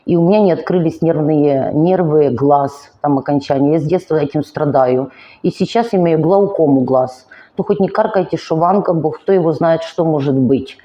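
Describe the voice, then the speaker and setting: A Ukrainian vlogger in her 40s, weary and finding speech hard, delivers a personal confessional monologue. Her low, mellow voice is earnest and emotional, moving slowly and haltingly over lo-fi sound.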